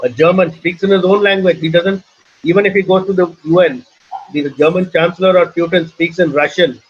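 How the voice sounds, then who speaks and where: A man's voice: high voice, fairly even intonation, fairly quick, slightly rough. A middle-aged man with an Indian accent, hosting a webinar and giving earnest advice, often restarting and repeating his points. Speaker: webinar host and trainer. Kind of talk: casual teaching talk in a webinar. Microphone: video call. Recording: muffled online call audio.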